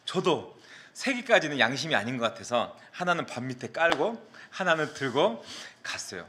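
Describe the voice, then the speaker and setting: A male pastor from the Mokpo area of South Korea, preaching a sermon and telling a personal story in an animated way that acts out the quotes. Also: medium pitch, normal speed, slight background noise.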